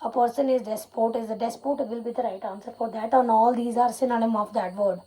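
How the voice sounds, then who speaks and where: High-voiced Indian woman teaching vocabulary. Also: fairly even intonation, brisk, mellow, poor audio. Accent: Indian English. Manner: spells words letter by letter, mixes in Hindi glosses; repeats "you can say" as a filler. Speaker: English teacher. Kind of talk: exam-prep vocabulary lesson.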